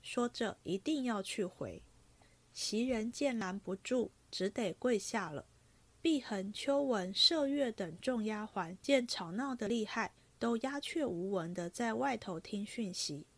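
Woman narrating an old novel, bit high voice, brisk and steady. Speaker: reader of classic literature. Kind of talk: reading a classic novel aloud.

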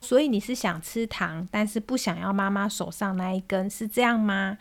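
A gentle male teacher crouches beside a crying boy and questions him softly and patiently, as a woman voices him. The voice stays at a middle pitch and never hurries. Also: normal speed, close to an everyday voice. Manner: soft, patient, kneeling to the child.

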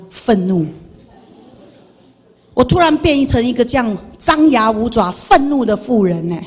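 Husky-voiced woman giving animated testimony. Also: fairly high pitch. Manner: animated, swings between loud outbursts and quiet confession. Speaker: guest giving a personal testimony. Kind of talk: church testimony storytelling. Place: church sanctuary.

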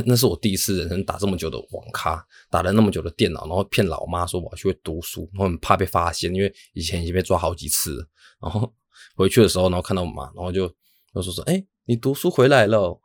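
Fast-talking deep-voiced man. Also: no room sound. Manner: rambling, self-mocking, talks fast with many restarts. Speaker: podcast host. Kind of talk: casual storytelling monologue.

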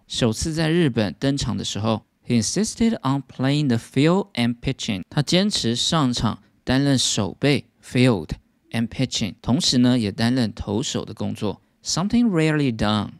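A man's voice: medium pitch, no room sound, clean studio sound. A man with a Taiwanese Mandarin accent teaching English news vocabulary, explaining each word steadily and stressing the English terms.

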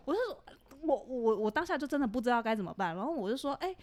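A woman's voice: fairly high pitch, quick pace. A young woman from Taiwan co-hosting a casual podcast, telling a story with laughter and acting out the people in it. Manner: animated, laughing, acts out quotes loudly. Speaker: podcast co-host.

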